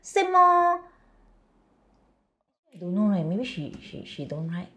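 A woman's voice: medium pitch, sing-song, slow, pushed and bright, full character voice. A woman playing a chatty, blunt Singaporean character in a comedy series, speaking colloquial Singlish with lah and lor. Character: chatty, blunt Singaporean Indian woman raised in a Chinese household. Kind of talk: scripted comedy series dialogue.

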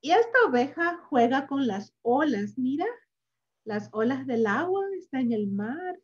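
A woman reading a picture book aloud to young children in a slow, sing-song, animated way, adding sound effects and asking the child questions. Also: high voice, lo-fi sound. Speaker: children's story reader.

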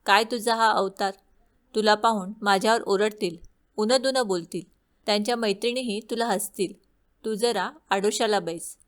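Storybook: blunt palace maid, brusque and a touch loud, done by a woman narrator. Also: mid-range voice, fairly even intonation, normal speed, natural voice. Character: blunt, nervous palace maidservant.

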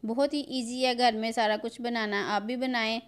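Here a middle-aged woman narrates a home cooking lesson, addressing viewers with homely, step-by-step directions as she works through a recipe in her kitchen. She runs a cooking channel, and her voice is fairly high and smooth, with fairly even intonation and a moderate pace.

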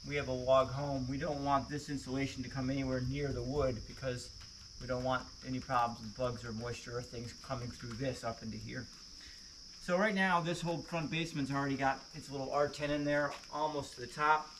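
A man's voice: mid-range voice, fairly even intonation, fairly quick, background noise. A man hosting a casual walkthrough vlog, chatty and plainspoken, talking from a basement under a lifted house. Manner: chatty, plainspoken, with frequent "uh" fillers. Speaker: woodworking channel host.

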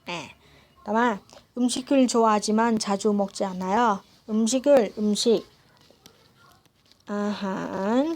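A young woman teaching a language lesson, explaining vocabulary slowly and politely, breaking words into syllables. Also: mid-range voice. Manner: slow, syllable-by-syllable explanation with frequent polite particles. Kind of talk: spoken grammar lesson.

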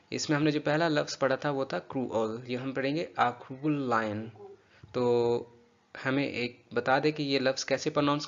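A man's voice: medium pitch, fairly bright tone. Patient male pronunciation teacher, muffled audio. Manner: patient, drills words slowly and repeats them. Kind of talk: spoken language lesson.

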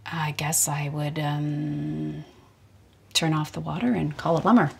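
An actress playing a flustered woman fumbling about a basement and shouting up the stairs in a rambling way. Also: sits low, fairly even intonation, unhurried, gravelly, heavy background noise, full character voice. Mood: calm.

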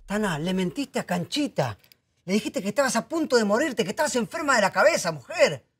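A woman's voice: medium pitch, big pitch swings, fairly quick, slightly rough. An actress playing a woman who reproaches a friend insistently. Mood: reproachful. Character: confronting woman angry at a friend's lie.

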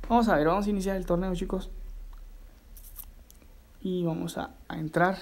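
A man hosting a live gameplay stream, chatting excitedly and reading viewer messages aloud. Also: sits high, a little slow, slight background noise. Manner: excitable, reads viewer chat aloud, shouts at the game. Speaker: livestreaming gamer host. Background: game music.

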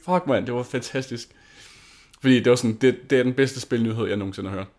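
Speaking at a medium pitch with a slightly mellow quality, a young Danish gaming-channel host chats loosely over his gameplay. He rambles and gushes, peppering his talk with fillers and restarts.

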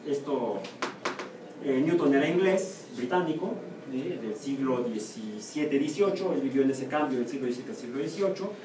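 This university professor, a man with a Mexican Spanish accent, gives a classroom lecture in a mid-range, expressive voice at normal speed, putting questions to the class and answering them on his own. Recorded from a distance on a room or camera mic, the classroom sounds echoey and noisy.

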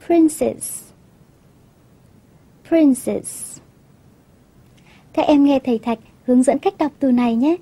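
A woman teaching children English on television, telling a story and asking them gentle questions. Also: high voice, fast, hardly any pauses, slightly rough.

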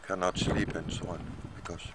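Out in the bushland, a middle-aged Danish man, the chief mate of a captured ship, makes a halting, hesitant plea to a camera set a short distance away. His voice is low and level in tone, and the camcorder recording is very noisy with wind.

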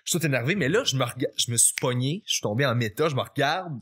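A young man with a Quebec French accent tells a personal story on a podcast. He speaks casually at an average pitch for a man, and keeps jumping into high, excited quotes of his younger self. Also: husky. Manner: animated, acts out his past self in quick high quotes. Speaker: podcast guest.

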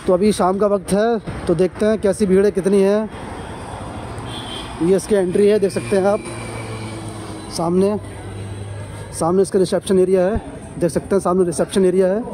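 A man with a high, even-toned voice walks a camera through a gym and narrates what he sees. He keeps pointing things out and repeats phrases as he goes. Steady background noise from the gym and the road sits under his voice. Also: normal speed, long pauses. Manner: plain, repetitive guiding, points things out as he walks. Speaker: vlogger giving a gym tour. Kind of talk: walking tour narration. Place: inside a busy gym.

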